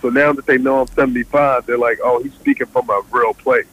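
Deadpan rambling comedian on radio. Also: male voice, mid-range voice, brisk, highs cut off. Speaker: stand-up comedian guest. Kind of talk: joking interview banter.

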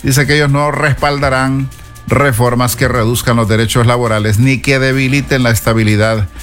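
Male reporter, mid pitch, casual news delivery, light music bed. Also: fairly even intonation, moderate pace, a bit bright.

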